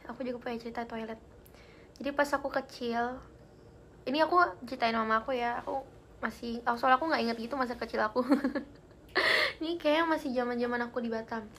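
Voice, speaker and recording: A young woman with a voice on the high side and a bit bright hosts a live stream, chatting casually with viewers and telling spooky stories in a giggly way. She reads comments aloud, and there's a little hiss or hum in the recording.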